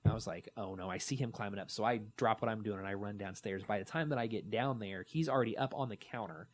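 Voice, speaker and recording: A man's voice: on the low side, fast talker. A man in his thirties co-hosting a podcast, telling stories casually and acting out the quotes. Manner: animated storytelling, acts out quotes. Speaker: podcast co-host. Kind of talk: casual chat.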